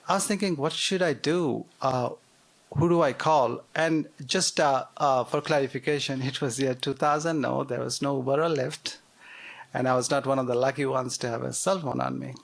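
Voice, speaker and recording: A man in his forties with a Bangladeshi accent tells a personal story live on stage, a touch of gravel running under his middle-pitched voice. He talks with wry, self-deprecating humor and leans on fillers as he goes. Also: fairly bright tone. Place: theater stage before a live audience.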